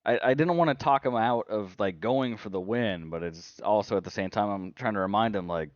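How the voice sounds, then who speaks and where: A man's voice: lowish voice, fairly quick, no room sound, dull audio. A man co-hosting a podcast who explains and jokes about a race he spotted, swearing freely. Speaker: co-host, spotter. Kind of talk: casual podcast chat.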